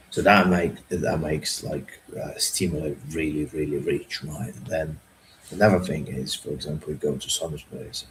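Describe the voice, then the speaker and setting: Male streamer, deep and unhurried, filler-heavy, keeps checking in with "right?". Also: slight background noise, poor audio. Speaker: trading educator. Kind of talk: unscripted livestream talk.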